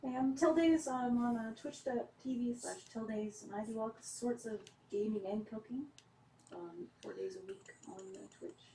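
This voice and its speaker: A breezy woman streamer introduces herself and her character with easy amusement. Her voice sits fairly high but sounds mellow and soft-edged. She is distant from the mic in an echoey room. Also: moderate pace, a little hiss or hum. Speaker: streamer and player. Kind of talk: casual self-introduction.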